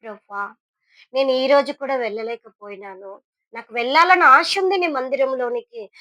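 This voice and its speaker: A woman's voice: sits high, fairly bright tone, no room sound, pitched above the performer's own voice. A woman voicing a humble, poor male beggar who pleads tearfully in a told story.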